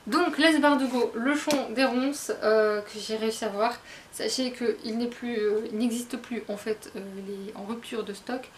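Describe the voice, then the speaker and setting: A woman with a fairly high voice chats her way through a book haul at home. She sounds tired, rambles, stumbles over her words and laughs at herself, with a faint hiss of room noise behind her. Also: steady tone, unhurried. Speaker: book vlogger. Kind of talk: casual book haul vlog. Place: at home, indoors.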